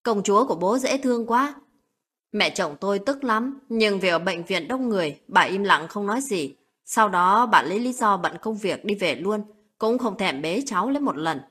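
Woman reading a sad late-night story, soft breathy voice, plaintive. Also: medium pitch, animated, normal speed. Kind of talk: first-person story narration.

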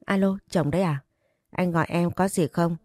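A woman voicing a jealous, cruel young wife who threatens and taunts in a low, warm voice. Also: moderate pace, no echo, clean studio sound, soft background music, lightly acted. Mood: mocking. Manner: taunting, menacing.

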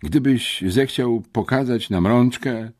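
A man's voice: medium pitch, slow, darkish tone, pitched above the performer's own voice. A man voicing a clever teenage boy detective in an audiobook, coaxing and puzzling things out. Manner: coaxing, then thoughtful. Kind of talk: audiobook character voice.

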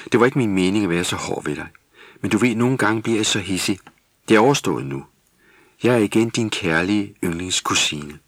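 A man's voice: lowish voice, lively intonation, dry recording, clean studio sound. A man voicing a cheeky, bossy, hot-tempered female Christmas elf in a storybook recording. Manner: commanding, quick to scold. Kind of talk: storybook character voice.

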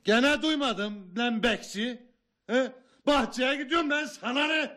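A stubborn, grumpy villager, hard of hearing and quick to argue. His voice is very high, in the manner of radio drama. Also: music in the background. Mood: defiant, irritated. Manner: curt, argumentative. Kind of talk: radio play acting.

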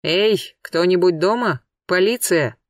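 A cool-headed female police sergeant, as a male reader puts her on, speaks calmly and in a businesslike way, in a slightly high voice. The audiobook sound is dry and a little off-mic. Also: slow, no echo, recorded from a distance.

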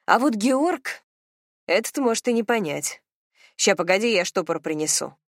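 A woman voicing a practical young woman who reassures her friend in a brisk, lively way. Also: mid-range voice, no echo, clean studio sound.

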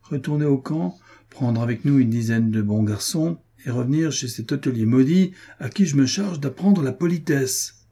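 A man voicing a hot-headed, mocking young nobleman in an audiobook, brash and taunting, with a husky voice. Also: medium pitch, moderate pace, warm tone, pitched above the performer's own voice. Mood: indignant.

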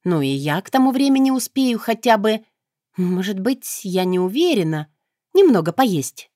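A woman's voice: medium pitch, big pitch swings, moderate pace, warm tone, no echo, clean studio sound, voice pushed up, close to an everyday voice. Woman reader as a blunt, teasing young heroine. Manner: blunt, teasing, matter-of-fact. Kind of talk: audiobook character voice.

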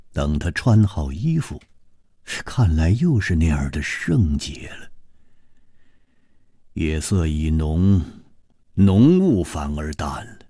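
A man's voice: darkish tone, husky, dry recording, clean studio sound. A man narrating a story in a dramatic storytelling style. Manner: dramatic, slow, widely varied pitch.

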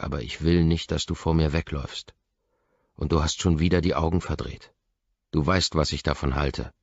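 A man reading a first-person audiobook in a measured, intimate way, often dropping to a hush, on a dull, lo-fi recording. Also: very deep voice, vocal fry, slightly rough, no echo. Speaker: audiobook reader.

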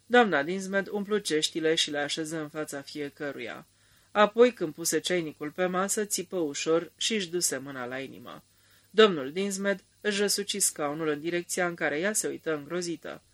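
A man narrating a radio drama in a calm, measured storytelling manner. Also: fairly high pitch.

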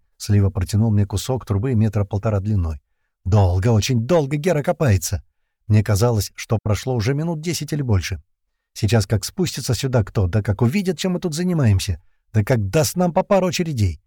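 A man's voice: mid-range voice, dark tone, no room sound, studio quality. A man narrating a first-person audiobook in a tense, colloquial storytelling manner full of slang.

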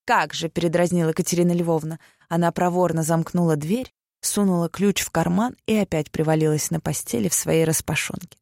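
Gravelly audiobook reader, dry sound. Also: medium pitch, fairly even intonation, brisk, dark tone, no echo. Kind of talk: literary audiobook narration.

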